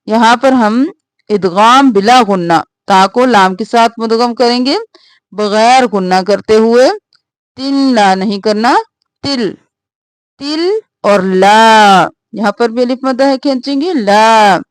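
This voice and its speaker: A woman teaching Quranic recitation, drawing out verses slowly and explaining each sound briskly. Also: fairly high pitch, no echo. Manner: slow drawn-out melodic recitation between brisk spoken instructions. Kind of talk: tajweed lesson, alternating slow recitation and quick explanation.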